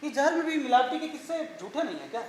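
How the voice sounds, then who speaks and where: An actor playing a sheepish, wry-joking husband in a short drama film. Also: male voice, very high voice, very animated, quick pace. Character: sheepish middle-aged husband who faked death. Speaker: husband Amit. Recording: echoey room with faint noise.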